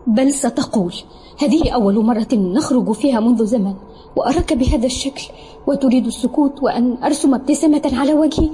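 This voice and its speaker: A man voicing a young woman, a teasing and childishly stubborn girlfriend, in a falsetto far above his own voice. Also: fairly quick, dark tone, a little hiss or hum, close to an everyday voice. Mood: insistent.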